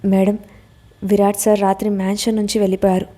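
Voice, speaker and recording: A woman's voice: mid-range voice, level tone, fast, dark tone, natural voice. A woman voicing a timid female housemaid who speaks hesitantly and apologetically. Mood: apologetic.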